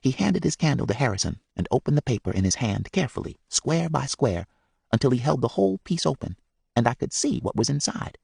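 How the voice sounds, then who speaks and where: Gravelly man reading a storybook aloud. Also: medium pitch, no echo, clean studio sound. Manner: measured, expressive reading. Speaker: audiobook reader. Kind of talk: storybook narration.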